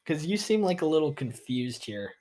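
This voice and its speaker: Young man, podcast co-host, fairly high voice, voice going hoarse, chatty, laughs a lot. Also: big pitch swings, moderate pace, a little mellow. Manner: laughs often, upbeat and chatty. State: losing his voice. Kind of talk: casual chat.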